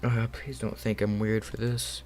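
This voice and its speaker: A man's voice: lowish voice, flat delivery, a little slow, a little mellow, natural voice. A man voicing a shy, nervous young woman, reading her lines in a hesitant, stammering way in a game.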